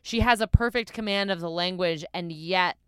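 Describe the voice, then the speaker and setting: A woman co-hosting a podcast in loose, rambling chat, her voice bright and sharp. Her tone is crisp and smooth, and the recording is close and dry with no room sound. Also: fairly low pitch, moderate pace, no room sound. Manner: rambling, lots of restarts and fillers. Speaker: podcast co-host. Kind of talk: casual chat.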